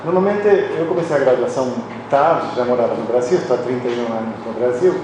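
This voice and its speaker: A man's voice: medium pitch, quick pace. Man lecturing in a very echoey hall. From Argentina. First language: Spanish. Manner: reflective and confessional, with frequent restarts. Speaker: conference speaker, philosophy professor. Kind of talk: personal academic lecture. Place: university conference hall. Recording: very echoey hall, voice from a distance, audible background noise.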